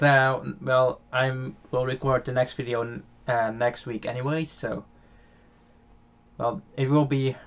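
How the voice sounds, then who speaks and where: A young man with a Dutch accent talks through a farming game in a loose, meandering way, stacking ums and uhs and restarting his sentences. His voice sits at a middling pitch. The home microphone sounds a little dull and muffled. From Netherlands. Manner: rambling, many fillers and restarts, chuckles often. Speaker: gaming channel host. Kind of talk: casual gameplay commentary.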